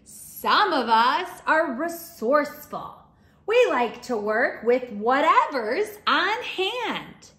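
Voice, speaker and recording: A woman who teaches young children reads a storybook aloud, expressive and deliberate, in a voice that sits high. The recording is roomy, with an echoing indoor sound.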